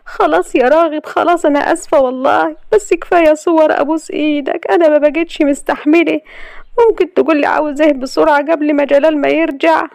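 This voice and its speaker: A woman's voice: sits high, steady tone, fairly quick, darkish tone, no room sound, clean studio sound, voice pushed up. A woman voicing a frightened young woman with an Egyptian accent, who pleads in a trembling, breathless way. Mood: pleading.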